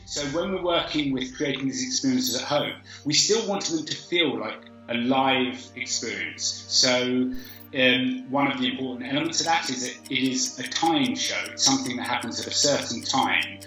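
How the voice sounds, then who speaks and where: A man's voice: medium pitch, moderate pace, bright, forceful tone, soft background music. A man explaining his work in an interview from home over a video call, with some hesitations. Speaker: interviewee, audio producer. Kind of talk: interview answers. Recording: dull echoey video-call audio.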